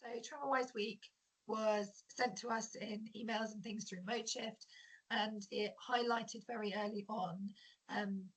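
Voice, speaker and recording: A woman, a teacher giving a prepared presentation in a croaky, hoarse voice with frequent ums. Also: mid-range voice, measured pace, poor audio. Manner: steady, explanatory, with frequent ums.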